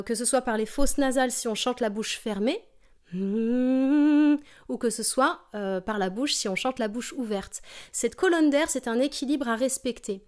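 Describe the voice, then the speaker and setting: A woman teaching a singing lesson, explaining vocal technique calmly and demonstrating exercises. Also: high-pitched.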